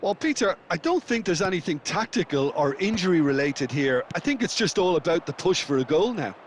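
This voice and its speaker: Assured high-voiced male football pundit. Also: big pitch swings, fairly quick, a little hiss or hum. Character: opinionated male football pundit beside the main commentator. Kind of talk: scripted video game sports analysis.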